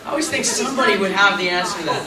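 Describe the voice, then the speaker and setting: Amid crowd noise in a large convention hall, a middle-aged man with a high, animated voice speaks very fast during a casual fan Q&A. He rambles chattily and pokes fun at himself, captured in an echoey, noisy recording from a distance.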